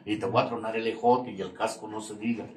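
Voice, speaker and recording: An older man with a Mexican Spanish accent addresses a recovery group in a lowish, fairly even voice, talking fast over crowd noise. His profane testimony is crude, mocking and confrontational; he swears constantly and laughs at his own jabs. The room is echoey, with a distant mic and faint noise.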